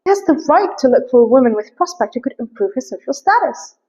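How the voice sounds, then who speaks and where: A confident, sharp-tongued young heroine, played by a woman with breezy, slangy dismissiveness. The voice sits high for a woman. The sound is muffled and lo-fi. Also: very animated, quick pace, breathy edge, full character voice. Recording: muffled lo-fi recording.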